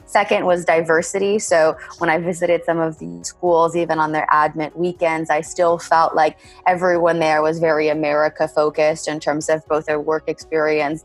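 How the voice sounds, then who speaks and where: A woman around thirty, from Bulgaria and California, speaks in a low voice that stays level. She gives measured interview answers with a habit of saying "kind of." Faint music plays behind her. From born in Bulgaria, raised in California. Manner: measured, often says "kind of". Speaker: MBA graduate interviewee.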